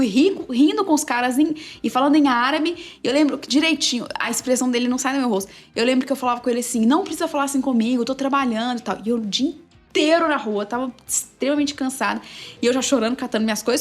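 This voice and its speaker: A woman sports journalist and narrator, a guest telling a story with quick, emphatic energy in a casual interview. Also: high voice.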